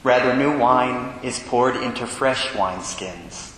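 A priest reading the Gospel and preaching a homily in a measured way, with rhetorical questions, his voice in a cathedral echo inside a large church. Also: fairly bright tone, a little hiss or hum. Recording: booming long reverb in a large church.

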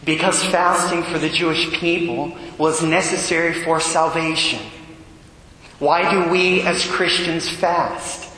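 Priest, male, slightly high bright voice, measured homily in a cavernous cathedral echo. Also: fairly even intonation. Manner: measured, preaching, rhetorical questions. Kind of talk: gospel reading and homily. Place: large church. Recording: booming long reverb in a large church.

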